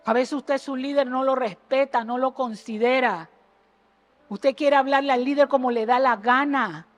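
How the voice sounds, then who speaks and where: A woman preaching an impassioned sermon in a church, jumping between loud exhortation and low earnest asides and firing rhetorical questions at the congregation. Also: fairly even intonation, normal speed. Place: church sanctuary.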